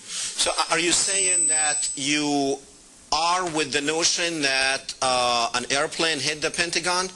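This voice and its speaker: Bright-voiced host, halting with fillers. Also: male voice, fairly high pitch. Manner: halting, many filler sounds. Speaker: talk show host. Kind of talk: call-in TV interview.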